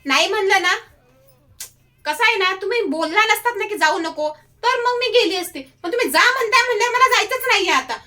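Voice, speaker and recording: A woman's voice: very high-pitched, lively intonation, fairly quick, sharp tone, echoey room. A woman playing a suspicious, stubborn wife in a comic skit. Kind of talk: comic sketch acting.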